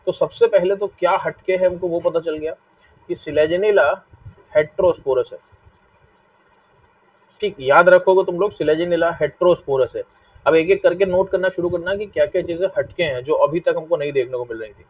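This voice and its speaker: Male teacher with a Hindi accent, fairly high voice, quizzes and repeats, muffled distant mic, dry sound. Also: moderate pace, dry recording. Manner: repetitive, asks students questions and scolds them to stop fighting. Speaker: biology teacher. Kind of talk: live online class lecture. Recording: dull lo-fi mic, a bit distant.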